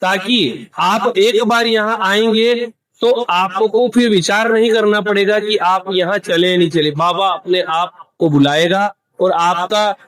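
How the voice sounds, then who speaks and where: A man from central India with a high voice speaks slowly and calmly in a street interview. He is a devotee, and his measured answers come across with a dry, close sound. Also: no echo, rough recording. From Madhya Pradesh.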